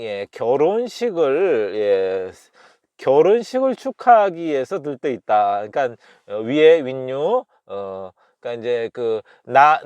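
A Korean man teaching English pronunciation. He sounds each phrase out slowly and repeats it, then explains it with many fillers. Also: medium pitch, a little mellow, no room sound.

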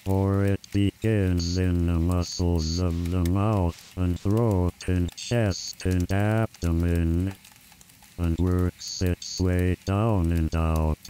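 Very slow, deep, smooth male reader. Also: dark tone, a little hiss or hum. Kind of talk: scripted reading of a personal essay.

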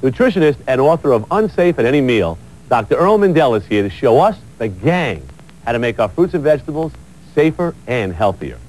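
A man hosting a fitness TV show, coaching a workout with energetic calls and then interviewing a guest. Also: brisk, low-quality recording. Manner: pumped-up coaching calls, lively pitch.

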